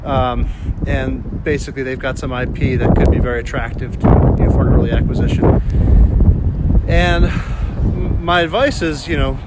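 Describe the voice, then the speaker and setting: Casual male vlog host, mid-pitched, hesitant and informal, recorded on a noisy urban street. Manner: informal, hesitant, thinking aloud. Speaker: host of a startup advice vlog. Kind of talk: casual walk-and-talk monologue. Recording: noisy outdoor street with traffic sounds. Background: street ambience and vehicles.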